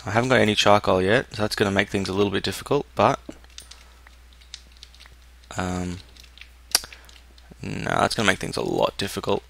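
A man's voice: lowish voice, steady tone, moderate pace, gravelly, pauses often, fairly bright tone. A young man giving casual let's-play commentary, muttering and thinking aloud as he plays. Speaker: gameplay commentator.

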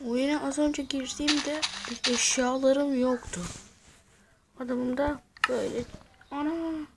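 A woman giving casual let's-play commentary, swearing a lot, scolding the creatures in the game and breaking into loud excited shouts. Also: high-pitched, unhurried, vocal fry. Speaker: gamer. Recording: noisy home recording.

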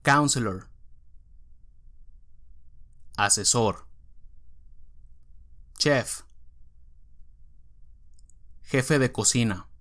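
Slow, deliberate male language teacher. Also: medium pitch, fairly bright tone. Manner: deliberate, clear word-by-word pronunciation with pauses. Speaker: English teacher. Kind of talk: vocabulary drill, reading words slowly.

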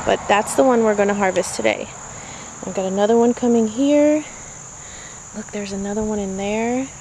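A middle-aged gardening vlogger gives a chatty, upbeat tour of her backyard garden, talking to a handheld camera as she works outdoors. Her voice is mid-range and darkish at a moderate pace. The handheld camera mic gives poor audio with a little hiss or hum, and faint insects and crickets sound in the background.

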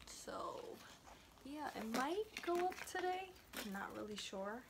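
A woman's voice: high voice, big pitch swings, slow pace. A young woman chatting casually as she unboxes a package, rambling and trailing off mid-sentence. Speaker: vlogger. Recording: noisy home recording.

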